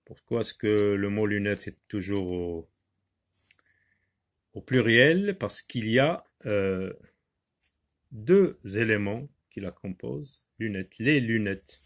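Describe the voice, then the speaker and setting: With a lowish voice and lively intonation, this male teacher leads a reading lesson in class, breaking words into syllables slowly and stressing them as he repeats them.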